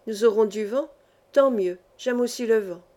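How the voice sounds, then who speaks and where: A woman voicing an old male mine foreman in a storybook reading, steady and reasoning. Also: on the high side, moderate pace, natural voice. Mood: dreamy.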